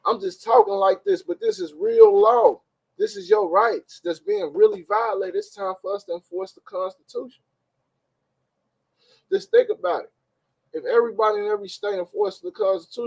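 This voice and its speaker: Gravelly, animated man in street slang. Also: very high-pitched, low-quality recording. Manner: street slang, emphatic, rhetorical questions. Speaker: livestream host. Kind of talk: informal legal talk to a live audience.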